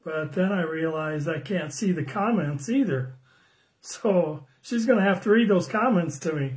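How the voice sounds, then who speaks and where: An older man in his sixties giving a children's sermon on a phone livestream, slow and friendly, greeting viewers by name and asking the kids questions. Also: high-pitched, animated, a little mellow. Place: small room indoors at home. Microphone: phone camera close up.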